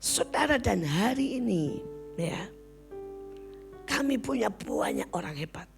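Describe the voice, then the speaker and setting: Over background music, a woman preacher speaks slowly in a mid-range voice with vocal fry. Her sermon is built on personal anecdotes; she repeatedly addresses the congregation as "saudara" and brings quoted people to life by acting them out.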